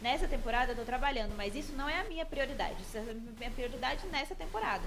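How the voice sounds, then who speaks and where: A woman's voice: high voice, lively intonation, racing, rough recording. A young adult woman with a Brazilian Portuguese accent, a podcast guest talking earnestly about faith and family in a casual interview.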